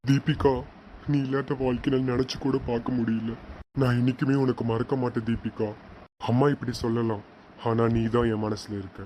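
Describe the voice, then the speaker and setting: A man's voice: medium pitch, flat delivery, moderate pace, mellow, a little hiss or hum, natural voice, rough recording. A man playing a pleading lovesick son. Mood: longing. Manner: pleading, earnest. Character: lovesick grown son torn between mother and lover. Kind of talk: homemade serial drama acting.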